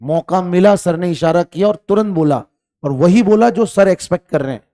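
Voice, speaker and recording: A man's voice: sits high, fairly quick, dark tone. A man teaching chemistry in an online exam-prep class, asking questions, repeating them and scolding students for lazy answers.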